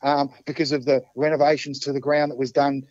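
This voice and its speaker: A man's voice: mid-range voice, little pitch movement, a little fast, a little mellow, no room sound. An Australian man with a blokey, matey, plain-spoken tradie manner, debating casually on a phone-in. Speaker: football club supporter giving his view. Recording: muffled lo-fi call, very dry.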